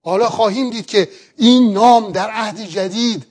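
Middle-aged male pastor, high voice, earnest sermon teaching with rhetorical questions. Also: a little mellow, slightly rough.

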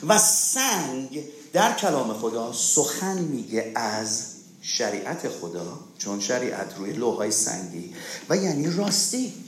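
A man's voice: mid-range voice, big pitch swings, reverberant. A man preaching a sermon, asking rhetorical questions and calling for amens. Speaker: pastor.

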